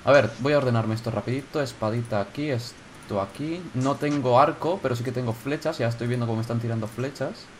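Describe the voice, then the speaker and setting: Excitable gamer narrating his game. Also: medium pitch, fairly quick, slight background noise. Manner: excitable, swears, shouts when startled. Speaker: gaming YouTuber. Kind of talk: casual gameplay commentary.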